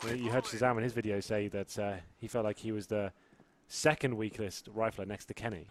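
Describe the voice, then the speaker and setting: Fast-talking male caster. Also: fairly low pitch, steady tone. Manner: fast, joking banter. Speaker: esports caster. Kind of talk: casual game commentary.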